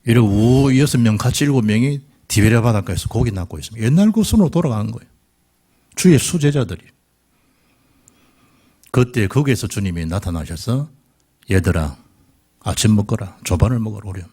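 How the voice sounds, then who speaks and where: A man's voice: medium pitch, animated, fairly quick, pauses often, mellow, breathy edge. A middle-aged male pastor preaches a sermon, acting out the quoted voices of biblical figures.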